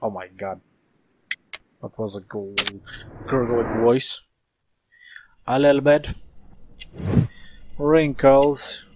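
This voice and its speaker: A man's voice: mid-range voice, very slow, pauses often, background noise. A man doing a casual let's play commentary, joking, rambling and reading game text aloud.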